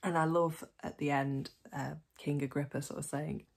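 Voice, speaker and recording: Woman, church reader and preacher; deep, gravelly voice; measured reading, then loose, hesitant commentary. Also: fairly even intonation. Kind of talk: scripture reading followed by informal reflection.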